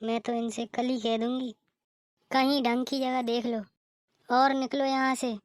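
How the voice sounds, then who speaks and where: A woman's voice: on the high side, flat delivery, measured pace, dry recording, studio quality, close to an everyday voice. A woman voicing a defiant, fed-up young daughter-in-law in a cartoon. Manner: sharp, complaining. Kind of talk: cartoon voice acting.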